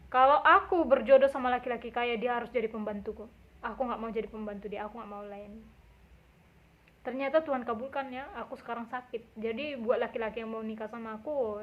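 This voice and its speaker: High-voiced woman vlogger, lo-fi. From Indonesia. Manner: lively, acts out quotes with raised voice. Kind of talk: casual storytelling. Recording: dull lo-fi recording.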